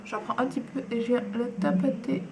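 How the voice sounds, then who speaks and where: Young woman, chatty makeup tutorial, camera mic, steady background hiss. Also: a little high, a little fast, creaky. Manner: chatty, enthusiastic, with fillers and asides. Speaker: beauty vlogger.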